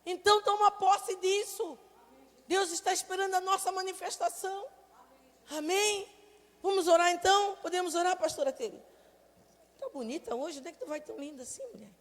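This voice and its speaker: A middle-aged Brazilian woman preaching a sermon, telling a personal story and then leading fervent, shouted prayer. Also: extremely high pitch, fairly even intonation, moderate pace. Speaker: missionary preacher. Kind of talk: sermon with testimony. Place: church hall. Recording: long church hall reverb.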